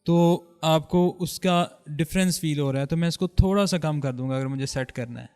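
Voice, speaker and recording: Guy explaining eq settings on a mixer, smooth clear voice, kinda higher pitch, faint music under it. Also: darkish tone, long reverb tail. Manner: patient, explaining and demonstrating while adjusting a mixer. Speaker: audio tutorial host. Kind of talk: step-by-step spoken tutorial. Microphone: studio microphone through a mixer.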